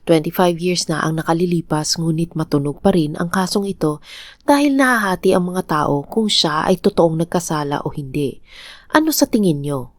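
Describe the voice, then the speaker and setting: A Filipino-accented woman tells a true crime story in a calm, measured narrating voice. Her voice sits a little low, and the recording is dry and close, with no room sound. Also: dry recording. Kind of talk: scripted narration.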